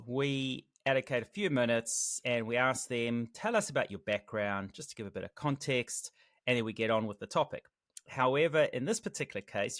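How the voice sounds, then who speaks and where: A man's voice: medium pitch, fairly bright tone, no room sound, clean studio sound. Upbeat male podcast host. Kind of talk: conversational interviewing.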